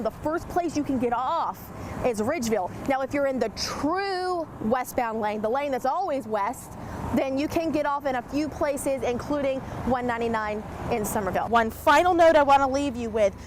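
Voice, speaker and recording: A woman field reporter giving an explanatory, emphatic live news report from outdoors. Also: high-pitched. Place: outdoors beside an interstate highway. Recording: noisy outdoor roadside with traffic. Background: vehicle and road noise.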